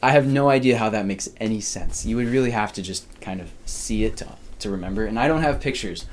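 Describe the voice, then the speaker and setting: A man's voice: fairly low pitch, fairly quick. A male podcast host giving casual, chatty style advice, talking straight to the viewer with upbeat, self-deprecating asides.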